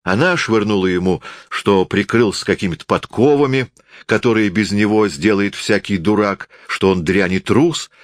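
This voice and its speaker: A man reading a novel aloud as an audiobook narrator, in an expressive storytelling manner. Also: fairly low pitch, normal speed, no echo, clean studio sound. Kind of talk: scripted literary narration.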